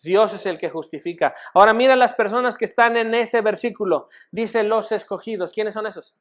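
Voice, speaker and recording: A man's voice: sits high, moderate pace. A man with a Mexican Spanish accent, pastor of a church, preaching a sermon and putting many questions to the congregation. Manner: preaching, rising loud then dropping to soft. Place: church sanctuary.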